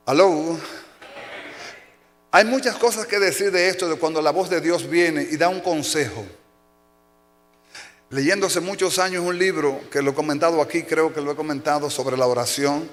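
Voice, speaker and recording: A man preaching a sermon as pastor, telling stories with acted-out cries and shouts. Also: fairly high pitch, moderate pace, long pauses, slight background noise. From Dominican Republic. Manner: animated storytelling, acting out shouts and cries. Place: church sanctuary. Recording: long hall reverb.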